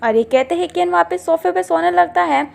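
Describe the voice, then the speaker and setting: High, gravelly woman storyteller. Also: moderate pace. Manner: chatty, lively storytelling. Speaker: storyteller, channel host. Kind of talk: reading fan fiction aloud.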